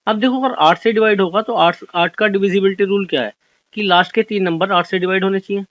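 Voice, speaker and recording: A man's voice: high voice, fast, a bit bright, no room sound. A young man teaching an exam-solution maths lesson, explaining step by step and asking questions that he answers himself. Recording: dry, dull lo-fi audio.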